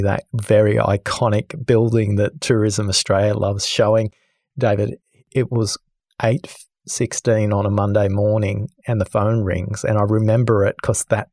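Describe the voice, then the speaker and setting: A man who is a guest on a podcast, telling a story with lively energy and acting out the people in it. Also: on the low side, gravelly, dry recording, clean studio sound. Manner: lively, acts out the people in his stories. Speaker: podcast guest, listening expert. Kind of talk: animated storytelling in conversation.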